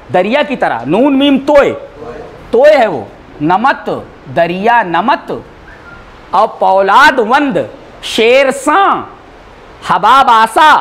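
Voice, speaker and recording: A man teaching a class in a lecture style, repeating words slowly for students to write down. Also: extremely high pitch, sharp tone. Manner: slow, repeats words for dictation. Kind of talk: classroom lecture, dictating notes.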